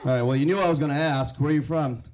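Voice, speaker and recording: On a club stage with a handheld mic, a young Indian comedian performs stand-up, teasing the crowd with brash, quick banter. His voice is on the high side and a little mellow.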